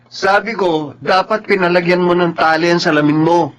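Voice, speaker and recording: Very high-voiced teasing Filipino man. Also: steady tone, normal speed, fairly bright tone. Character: teasing, needling young male office worker. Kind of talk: Filipino drama acting.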